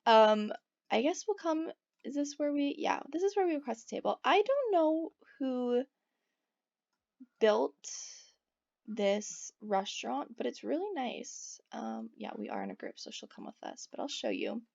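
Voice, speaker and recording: A woman's voice: high-pitched, big pitch swings, a little slow, creaky, a little mellow. A woman chatting casually as she narrates a life-sim game, rambling with frequent asides to her viewers. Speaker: let's play gamer. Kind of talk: casual gameplay commentary. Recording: dull lo-fi recording.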